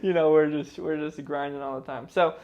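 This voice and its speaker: A man's voice: on the high side, steady tone, a little fast, dull audio. A man in his twenties co-hosting a podcast, joking and teasing his friend in slangy casual chat. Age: 20s. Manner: jokey, teasing, uses slang. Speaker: podcast co-host. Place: indoor room, filmed by a cameraman.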